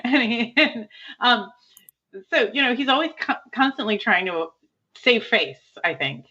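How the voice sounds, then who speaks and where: A woman's voice: a little high, expressive, unhurried, pushed and bright, highs cut off. A woman co-hosting a film podcast, chatting casually and animatedly, laughing often as she retells scenes. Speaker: podcast co-host. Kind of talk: casual film review chat.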